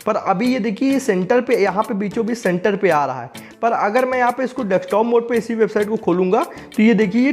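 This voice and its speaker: A young man explaining a coding tutorial step by step, often checking in with the viewer as he works on screen. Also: high-pitched.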